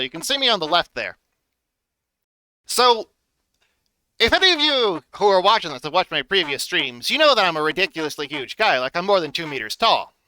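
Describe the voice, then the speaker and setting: A man streaming casual reaction commentary in an animated, exclamatory and emphatic way. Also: high-pitched, smooth, no echo.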